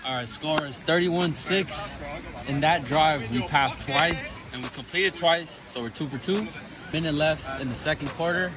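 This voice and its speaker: A man's voice: fairly high pitch, normal speed, over music. A young man, a player, chatting casually to a phone outdoors on a sports field. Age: young adult. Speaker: vlogging player, quarterback. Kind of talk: casual vlog chat. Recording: noisy outdoor phone, loud crowd.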